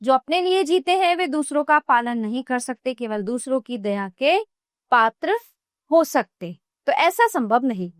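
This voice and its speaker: A woman's voice: high voice, animated, measured pace, no echo, studio quality. A woman voicing a compassionate woman singer who earnestly pleads with an emperor to give up killing.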